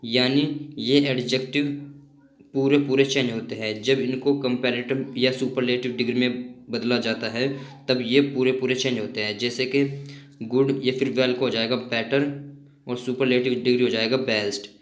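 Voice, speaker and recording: A man teaching English grammar in Hindi, explaining rules and slowly listing word forms with examples. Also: medium pitch, level tone, echoey room. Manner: spells out suffixes letter by letter and lists word forms.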